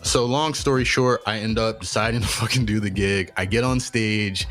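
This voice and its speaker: A young man with a lowish voice, chatting on a podcast in a loose, swear-heavy style. He tells his stories with animated energy and drifts from anecdote into practical advice. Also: moderate pace, faint music behind. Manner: casual, profane, animated storytelling. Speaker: podcast host. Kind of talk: casual podcast chat.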